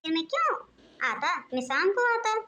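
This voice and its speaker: A woman's voice: extremely high pitch, sing-song, moderate pace, noisy background. A woman voicing a short-tempered, suspicious young husband and son-in-law in a cartoon, talking in a curt, scolding way. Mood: grumbling.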